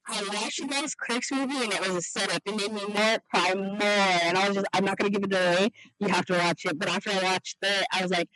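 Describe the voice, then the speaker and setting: A woman hosting a casual podcast chat, talking in a halting, rambling way full of "like" fillers. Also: medium pitch, level tone, fairly bright tone, poor audio. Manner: halting, heavy use of "like" fillers. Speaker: podcast host.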